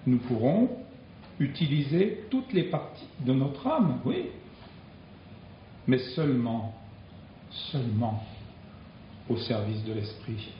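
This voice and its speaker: A man preaching a sermon in slow, deliberate phrases with long pauses. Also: mid-range voice, echoey room, muffled recording, a little hiss or hum.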